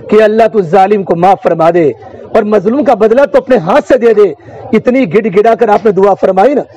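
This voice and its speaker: A man's voice: high-pitched, warm tone, lo-fi sound. A man preaching a sermon in an emotive, rhythmic oratorical style, with repeated refrains and recited verse.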